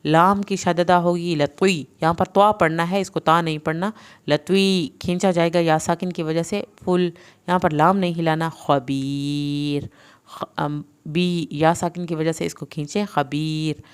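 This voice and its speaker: A woman with a low, smooth and resonant voice leads a tajweed lesson. She recites each phrase slowly, then explains each sound patiently, step by step. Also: steady tone. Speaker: Quran recitation teacher.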